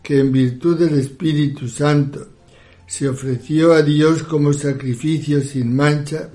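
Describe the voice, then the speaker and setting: A man leading a liturgical prayer in a solemn, measured recitation. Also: a little high, steady tone, dark tone, soft background music.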